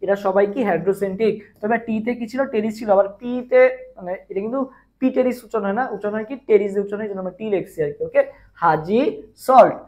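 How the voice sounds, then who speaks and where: A man's voice: high-pitched, rapid-fire, darkish tone, lo-fi sound. A young man from Bangladesh teaching a live online biology revision class, repeating questions and answers and asking viewers to comment.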